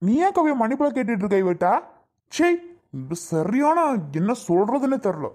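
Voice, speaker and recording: A woman's voice: on the high side, big pitch swings, moderate pace, a little mellow. A woman voicing a protective young husband in a cartoon, talking firmly and warning. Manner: firm, warning. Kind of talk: cartoon voice acting.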